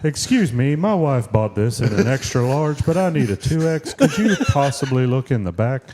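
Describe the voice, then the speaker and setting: A man doing an impression of an uptight middle-aged cartoon dad, polite and deadpan. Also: medium pitch, moderate pace, a little hiss or hum, natural voice. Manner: polite, deadpan, straight-faced.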